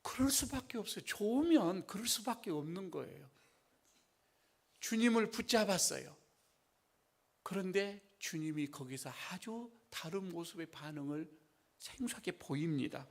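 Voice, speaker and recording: A male preacher delivers a sermon in a church sanctuary. His voice sits a little high and has a heavy gravelly fry. He swings between loud, emphatic lines and hushed, whispered ones. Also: expressive, moderate pace. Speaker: senior pastor.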